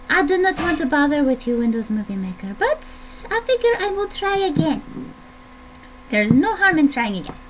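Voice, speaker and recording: Putting on an Italian accent, a young woman rambles through a casual video diary in a playful, self-deprecating way. Her voice is high, and the low-quality audio carries a little hiss or hum.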